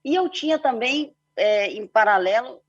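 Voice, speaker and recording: Her voice is fairly high with lively intonation and a moderate pace, though the highs are cut off in the audio. She is a middle-aged company CEO from Belo Horizonte with a Mineiro Brazilian accent, guesting on an online panel and recounting her story in a long, flowing way full of "né" and "é".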